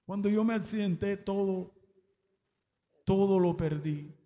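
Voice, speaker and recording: A man's voice: high voice, measured pace, dark tone, long reverb tail, lo-fi sound. A man giving an emotional religious testimony at a church service, breaking into exclamations of praise.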